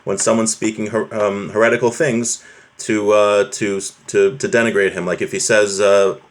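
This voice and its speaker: At a moderate pace and in a fairly low, level-toned voice, a man leads an informal religious class. He reads from a text, explains it conversationally, and often checks in with his listeners.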